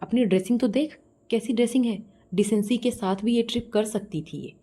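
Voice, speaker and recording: Brief: mellow-voiced woman, scolding reaction vlogger, asks viewers directly. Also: on the high side, brisk, husky. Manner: scornful, scolding. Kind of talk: mocking reaction commentary.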